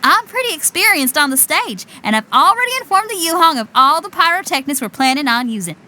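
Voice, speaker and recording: A woman's voice: high voice, very animated, brisk, bright, forceful tone, slight background noise, full character voice. A woman voicing a bold young female rock musician in a video game, easygoing and confident. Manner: easygoing, laughs often.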